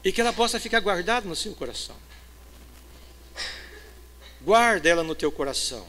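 An older Brazilian man, a pastor preaching a sermon in a church, moving between hushed storytelling and loud, emphatic preaching. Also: high voice, animated, normal speed. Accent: Brazilian Portuguese.

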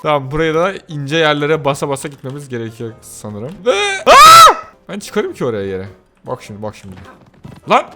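A young man giving casual commentary on a game he plays, excitable and often breaking into shrieking outbursts. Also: mid-range voice, brisk, music in the background. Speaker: gaming YouTuber. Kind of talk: casual Let's Play commentary.

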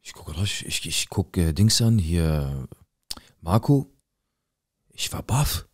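A man's voice: deep voice, big pitch swings, slow pace, darkish tone. A man casually telling his own story in first person, in plain, direct street slang, acting out what people said. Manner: acts out quoted lines in the tale.

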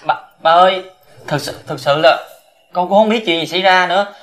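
An actor playing a meek husband with a Southern Vietnamese accent, hesitant and placating. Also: male voice, high voice, brisk, a bit bright. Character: meek, sickly husband caught between wife and father.

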